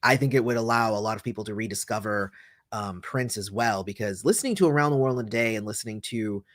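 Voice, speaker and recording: A man reads viewer comments out loud on a casual livestream, rambling through his replies with plenty of fillers and restarts. His voice is fairly low and fast, captured in a dry, studio-quality recording.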